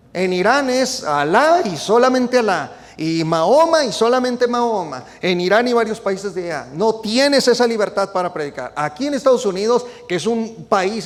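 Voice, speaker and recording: A male preacher, talking in an emphatic sermon style full of rhetorical questions and fillers. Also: sits high. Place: United States. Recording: long reverb hall sound.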